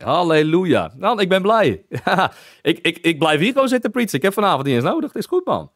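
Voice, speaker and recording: A man's voice: sits high, very animated, brisk, no echo, studio quality. A man preaching an exuberant teaching sermon, often calling out halleluja and slipping in English phrases.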